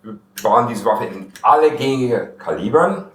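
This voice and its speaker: A man's voice: medium pitch, expressive, measured pace. American man with a Franconian German accent. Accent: American with a Franconian German dialect. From United States. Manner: explains technical details step by step, some grammar slips. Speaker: export manager of a gun maker. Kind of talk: product demonstration. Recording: roomy, distant field recording with faint noise.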